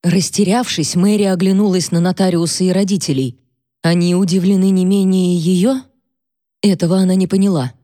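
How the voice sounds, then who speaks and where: A woman narrating a novel as an audiobook reader, in a measured, steady reading. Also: fairly low pitch, dry recording, studio quality. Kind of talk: scripted narration.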